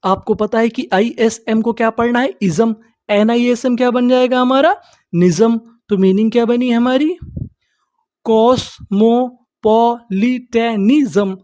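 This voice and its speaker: A woman with a mellow, warm voice teaches English pronunciation, sounding out words letter by letter. She asks questions and answers them herself, stretching the key words out slowly. The recording is dry and close. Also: fairly high pitch, no echo. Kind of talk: spelling-out pronunciation lesson.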